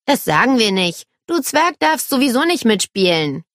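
A cocky, mocking boy who teases his little sister, his voice raised above her usual pitch, as a woman storyteller puts him on. It comes from a children's storybook reading, dry and close to the mic. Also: big pitch swings, moderate pace, a bit bright, dry recording. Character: teasing older brother David, a boy.

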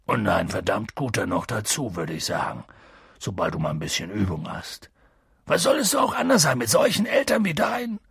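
A towering, gruff giant , as a man puts him on, whose raspy, gravelly voice lurches from low growls to bellowing shouts in a wide, lively sweep. He drags out his words slowly, and the storybook reading sits close and dry. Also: no echo, full character voice. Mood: gruff, kindly. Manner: booming outbursts swinging between growls and bellows. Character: huge gruff male giant, hot-tempered but kindly.

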